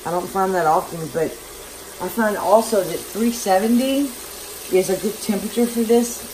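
A woman's voice: mid-range voice, moderate pace. A woman with a Southern accent chatting casually as she cooks at home, rambling and poking fun at herself. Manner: chatty, rambling, self-deprecating. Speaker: home cooking vlogger. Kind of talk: casual cooking demonstration. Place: home kitchen, overhead camera on the stove. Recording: noisy kitchen with a loud fan.

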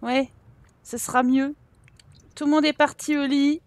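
Chatty high-voiced French woman playing a game. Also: little pitch movement, unhurried, no echo. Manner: chatty, talks to her characters, giggles often. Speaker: gameplay YouTuber. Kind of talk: casual let's play commentary.

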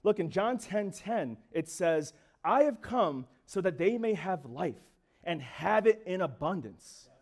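Young male guest speaker, relaxed conversational sermon, high and very animated pitch. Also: unhurried. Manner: casual, conversational preaching with fillers and acted asides. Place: church.

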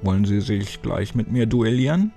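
Mocking gruff cop guy, dry jokes, higher voice done by a man reading a horror audiobook. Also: expressive, moderate pace, dark tone, faint music behind. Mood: sardonic. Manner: teasing, dry and sneering. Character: sarcastic middle-aged male cop, mocking and gruff.

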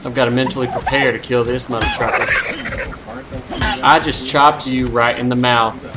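A man's voice: medium pitch, flat delivery, moderate pace, heavy background noise. Trash-talking man commentating gameplay. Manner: trash-talking, boastful, profane. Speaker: let's play host.

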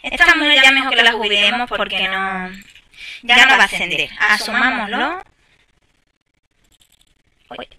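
A woman chats through gameplay in a very bright, slightly high voice, tossing exasperated asides to her viewers. She sounds set back from the microphone. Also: unhurried, long pauses, far from the mic. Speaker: gameplay streamer. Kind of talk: casual gameplay commentary.

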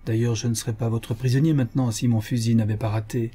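A man's voice: mid-range voice, little pitch movement, fast talker, mellow, husky, natural voice. A man voicing a cornered, ashamed male spy in an audiobook, grumbling in a sour-sweet tone. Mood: rueful.

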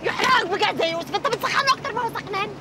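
A woman's voice: very high-pitched, lively intonation, very fast, a loud crowd. A pleading Egyptian dancer girl. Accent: Egyptian Arabic. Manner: coaxing, swearing oaths. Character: pleading young woman, a local dancer. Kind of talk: film drama dialogue. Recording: noisy outdoor street scene.

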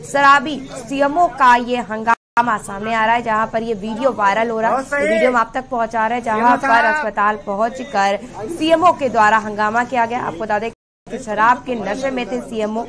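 A young woman anchoring breaking news in a television bulletin, repeating her phrases as she presents. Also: on the high side. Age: young adult. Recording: studio voice over news music.

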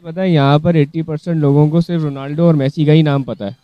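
A man's voice: a little high, fairly even intonation, fast talker, smooth, dry recording, muffled recording. A man in his thirties answering an interviewer in an outdoor park with easygoing laughs. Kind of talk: casual chat. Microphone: handheld mic.

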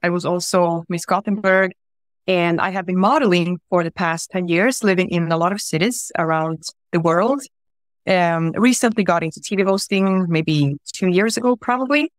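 A woman in her thirties from Croatia, raised in Sweden, answers interview questions easily, with plenty of fillers. Her voice is a little low. The sound is dry, taken over a video call. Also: moderate pace, no echo. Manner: friendly, easygoing, many fillers. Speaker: guest. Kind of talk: casual interview. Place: room at home, indoors.

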